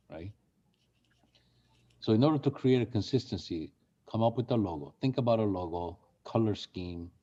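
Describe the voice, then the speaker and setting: Here the Brazilian-raised workshop leader teaches real estate marketing interactively, chatting with participants and quizzing them. He has a low, warm voice, and the audio sounds dull.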